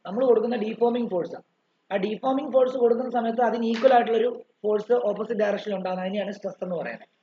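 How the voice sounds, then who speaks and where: A man's voice: sits high, steady tone, rapid-fire. A man teaching physics to an online class with a Malayali English accent, asking questions and answering them himself, and dictating notes. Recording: dull roomy recording with faint noise.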